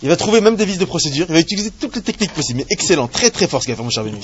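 A man teaching a live Torah class to a small group of students, animated and joking, asking rhetorical questions as he explains a text. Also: on the high side, very fast, dull audio.

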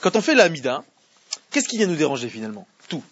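Animated, fast-talking male religious teacher. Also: fairly high pitch, slightly rough, dry recording, muffled recording. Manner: animated, explains by asking questions; chants Hebrew verses slowly. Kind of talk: Torah class with students.

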